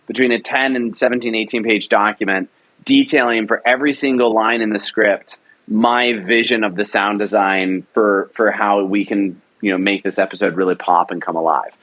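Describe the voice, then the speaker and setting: Talking casually in an interview, a young man who wrote and directed an audio drama describes the production with rambling enthusiasm and lots of fillers. He speaks at normal speed in a lowish, slightly bright voice with fairly even intonation.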